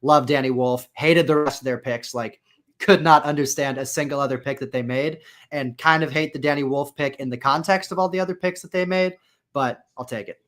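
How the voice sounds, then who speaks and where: Standing outdoors amid city traffic, a podcast co-host delivers rambling, opinionated draft analysis on a livestream, packed with fillers. His mid-range voice is slightly bright and fairly quick.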